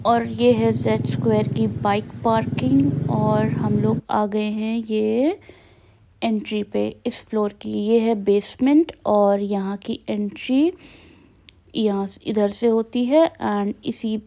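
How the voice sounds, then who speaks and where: A woman's voice: mid-range voice, fairly even intonation, slow pace, warm tone. A young woman with a North Indian Hindi accent narrating her family vlog in a chatty way, slipping English phrases into her Hindi. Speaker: family vlogger.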